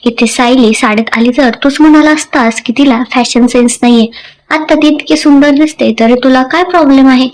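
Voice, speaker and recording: Outspoken younger sister, as a woman voices her, firm, arguing, storybook reading, high-pitched. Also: a little fast, lightly acted, rough recording.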